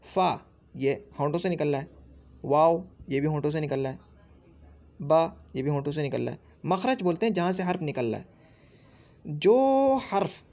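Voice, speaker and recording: Urdu-accented guy teaching arabic grammar, voice a bit high, keeps drilling each sound again and again. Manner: repeats sounds slowly and drills each letter. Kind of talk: classroom-style grammar lesson.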